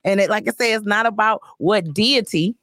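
A woman hosting a comic podcast in a studio, joking and animated, often jumping into high-pitched bits. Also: normal speed, dry recording. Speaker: podcast host.

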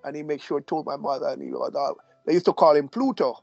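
Guy, announcer sort of voice, calm measured storytelling, bit of humor, kinda muffled audio. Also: fairly high pitch, gravelly, no echo, soft background music. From Jamaica. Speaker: guest, deacon. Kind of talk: personal life story. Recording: dull, dry audio.

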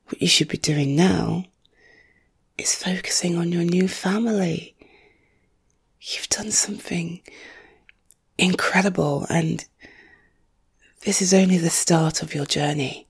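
A woman speaking in soft, hushed whispers, gently reassuring as she plays a visiting friend in an ASMR roleplay. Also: lowish voice, slow, gravelly, long pauses, slightly rough. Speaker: ASMR creator.

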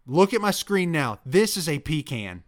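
A man's voice: a little high, sing-song, normal speed. A man, hosting a casual podcast, teasing and exclaiming often. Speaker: podcast host.

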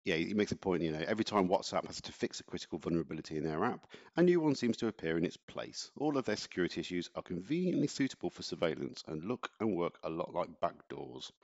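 A very deep-voiced man co-hosting a podcast, chatting and ranting in a loose, easygoing way. His lo-fi home recording has a dull, muffled sound. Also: sing-song, fast talker, few pauses, darkish tone. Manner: chatty, ranting, laughs often. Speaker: podcast co-host. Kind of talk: casual chat.

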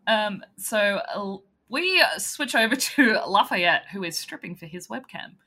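Casual podcast co-host: woman, very animated pitch, bright voice, agreeable and quick to laugh. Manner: lively, agreeable, laughs often. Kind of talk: casual chat.

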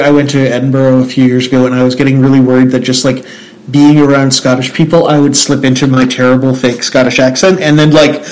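A man's voice: medium pitch, rough recording. A young man from Central New Jersey in a casual chat, talking in a rambling way with many restarts. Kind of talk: casual conversation.

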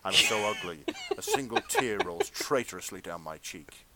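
A man's voice: low-pitched, huge pitch swings, normal speed, gravelly, heavy background noise. A man hosting a comedy podcast, reading fan fiction aloud with mock seriousness. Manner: mock-earnest reading, breaking into laughter. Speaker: podcast host.

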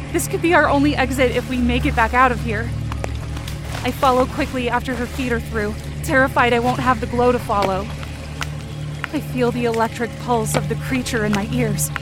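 A woman with a fairly high voice performs a first-person scripted audio drama as a frightened adventurer in a dark supernatural tale, her narration intense and suspenseful. She is a fiction podcast narrator and performer, and dramatic background music sits clearly beneath her voice.

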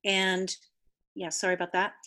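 A woman whose first language is Spanish, hosting a conversation as a business coach and telling lively stories. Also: on the low side, moderate pace, a little hiss or hum. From New York City. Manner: animated storyteller, acts out quoted voices. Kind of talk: conversational interview.

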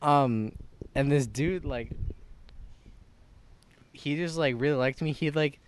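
A man co-hosting a casual podcast chat, telling a story in a halting, rambling way full of restarts, speaking into a podcast microphone. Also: on the high side, clear, resonant tone. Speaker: podcast co-host.

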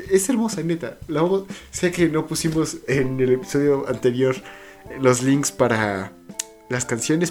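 A man, co-hosting a podcast, talking about anime in a playful, expressive way that often sinks into a soft, hushed voice. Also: medium pitch. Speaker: podcast co-host.

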